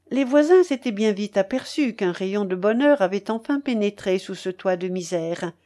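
A woman narrating a classic novel in a measured, steady audiobook voice. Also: mid-range voice.

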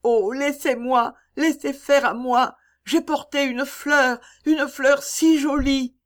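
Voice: sits high, fairly even intonation, slow pace, a bit bright, pitched above the performer's own voice. A reader voicing a grieving young girl servant who is crying and pleading in broken speech.

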